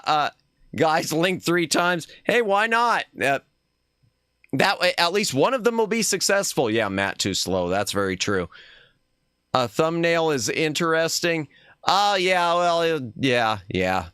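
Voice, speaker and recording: Male game streamer, bright and exclamatory, casual chat, dry close sound. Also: on the high side, slow pace, clear, resonant tone, dry recording. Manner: expressive, exclamatory. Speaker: livestream host.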